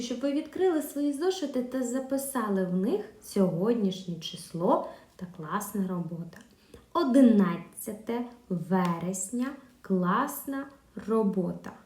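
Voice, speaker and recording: A woman teaching a video lesson to young pupils, speaking clearly with pauses for answers and a sing-song teacher manner. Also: medium pitch, a little mellow. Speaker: primary school teacher. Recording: echoey room.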